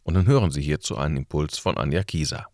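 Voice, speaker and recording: A man with a very deep voice reads a Bible passage in a slow, measured, solemn way. The sound is close and dry, with no room around it. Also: darkish tone, no room sound. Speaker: radio devotional presenter. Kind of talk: scripted Bible reading.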